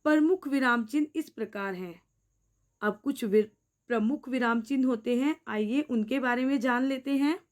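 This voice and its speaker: A woman hosting her own teaching channel, explaining a grammar lesson slowly and deliberately and addressing her viewers as friends. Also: a little high. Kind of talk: scripted Hindi grammar lesson.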